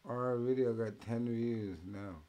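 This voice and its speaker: A man hosting a ranting commentary show, talking slowly and deliberately at a middle pitch. His tone is mocking and profane. Now and then he breaks into loud, high-pitched impressions of the people he is mocking. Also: steady tone. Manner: mocking, profane, mimics others in loud bursts.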